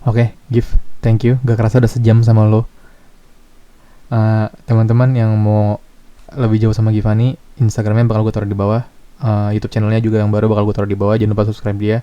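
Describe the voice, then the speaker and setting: Young man, Jakarta slang accent, casual podcast host, very dark mellow tone, dry room. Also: on the low side, fairly quick, clear, resonant tone, no echo, highs cut off. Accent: Jakarta slang Indonesian. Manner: relaxed, searching for words with fillers. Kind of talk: casual chat.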